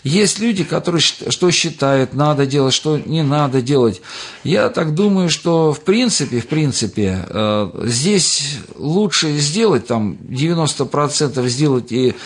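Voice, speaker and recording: A man's voice: fairly high pitch, animated, a little slow, slightly rough. An older retired man speaking as a doctor in an interview, rambling and hesitant, with many fillers and restarts. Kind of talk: interview answers.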